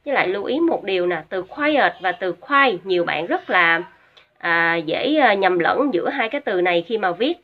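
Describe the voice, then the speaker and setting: A woman teacher with a Vietnamese accent, explaining English words in a patient, step-by-step way with small hesitant fillers. Her voice sits at an ordinary middle pitch. The recording is dull and lo-fi. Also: expressive, normal speed. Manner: patient, repeats each word twice for pronunciation drill. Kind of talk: recorded vocabulary lesson for students. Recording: dull lo-fi audio.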